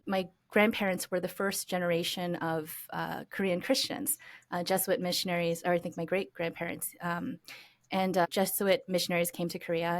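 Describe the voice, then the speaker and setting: An American woman as an interview guest, telling her story reflectively with fillers and restarts. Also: fairly low pitch. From United States. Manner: reflective, many fillers and restarts, laughs lightly.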